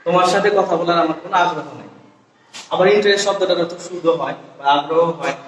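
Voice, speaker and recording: High-voiced man teaching pronunciation, echoey. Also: recorded from a distance. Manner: repeats model words slowly, asks rhetorical questions. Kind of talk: pronunciation lesson. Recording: very echoey room with reverb, faint noise.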